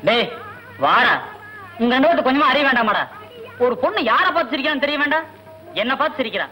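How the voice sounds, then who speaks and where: A man's voice: very high-pitched, animated, quick pace, sharp tone, faint music behind, low-quality recording. A man playing a pushy friend in a comedy film scene, egging his buddy on.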